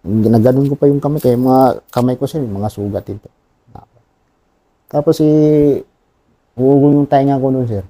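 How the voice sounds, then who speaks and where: A Filipino man in his thirties, a wounded soldier telling his war story in an interview, talking plainly and haltingly and often adding a polite "sir". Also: medium pitch, mellow. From Philippines.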